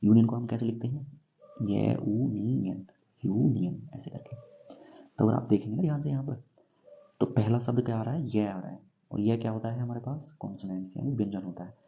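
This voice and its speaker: A man teaching English grammar in a classroom-style lesson, going slowly and asking himself questions before he answers them. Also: medium pitch, dark tone, highs cut off. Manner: slow, repeats and quizzes himself with questions.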